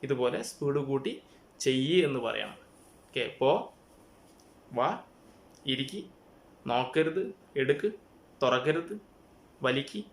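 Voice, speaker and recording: A man with a Malayali accent gives a spoken English lesson and drills short commands one after another. His voice has a gravelly edge. He is recorded in a room with a noticeable echo. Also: medium pitch. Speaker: English teacher.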